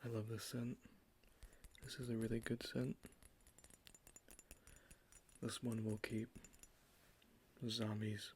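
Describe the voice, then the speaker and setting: Speaking close to the microphone in an ASMR roleplay, a man plays a cologne salesman and delivers a soft-spoken yet enthusiastic pitch. His tone stays level and his pace slow, with long pauses and a little hiss or hum in the background.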